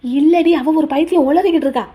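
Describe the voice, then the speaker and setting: Brief: a woman playing a bickering cartoon brother, very high and fast, defensive. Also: mellow, natural voice. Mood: argumentative. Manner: argumentative, defensive. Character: quarrelsome young adult cartoon brother, defensive.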